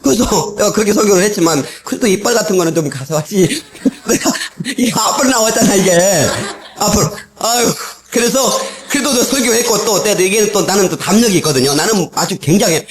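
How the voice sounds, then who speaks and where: In a church sanctuary, a male pastor delivers a sermon full of personal testimony, captured on an old cassette tape. His voice is high and fairly quick, with a crowd audible behind him. He tells stories animatedly, laughing often and acting out the voices of the people in them.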